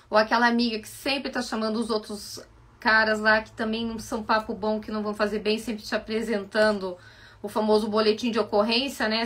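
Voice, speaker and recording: Animated Brazilian woman asking rhetorical questions. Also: a little high. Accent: Brazilian Portuguese. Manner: asks many rhetorical questions, animated and coaxing. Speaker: psychoanalyst giving a live talk. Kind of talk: reflective live-stream talk.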